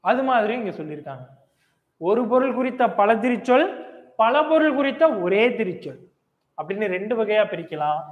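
A man teaches a grammar lesson with a high voice, questioning his students and repeating each key point. The sound is thin and phone-like. A long reverb from the lecture hall trails every phrase. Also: big pitch swings, a little fast. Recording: echoey, tinny lo-fi hall recording.

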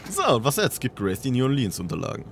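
A man's voice: medium pitch, wildly swooping pitch, fast. A man doing casual, informal let's play commentary, swearing and reacting aloud as he goes. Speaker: let's player. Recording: game noise behind the voice. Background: video game ambience and vehicle sounds.

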